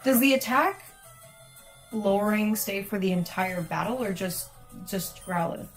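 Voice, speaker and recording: A woman's voice: medium pitch, a little slow. Chatty, teasing woman watching a game. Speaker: co-host watching a video game. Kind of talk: casual gameplay chat. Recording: faint game music behind.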